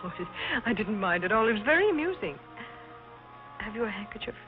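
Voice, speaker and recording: An actress playing a haughty, spoiled young socialite trading imperious screwball comedy banter in a 1930s film style. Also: female voice, mid-range voice, sing-song, a little fast, lightly acted. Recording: dull old film soundtrack, music behind.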